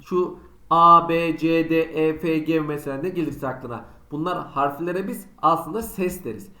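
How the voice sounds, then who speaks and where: A man's voice: fairly high pitch, unhurried, pushed and bright, reverberant. A man teaching a school lesson online, asking himself students' questions and answering them in a chatty, teasing way. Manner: conversational, teasing examples. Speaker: Turkish teacher.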